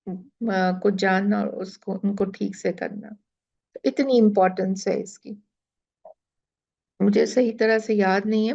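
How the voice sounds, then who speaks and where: A woman teaching Quran recitation rules, explaining slowly step by step and often checking in with her listeners. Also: mid-range voice, creaky, a little mellow, lo-fi sound. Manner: slow, explaining step by step with frequent "theek hai". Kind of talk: tajweed lesson.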